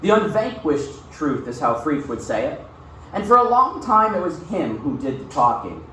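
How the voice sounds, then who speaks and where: Very animated and forceful, a male teacher with a slightly high, bright voice delivers an instructional read-aloud lesson at a moderate pace, often checking in with short questions. The recording is echoey, far-miked, with faint noise.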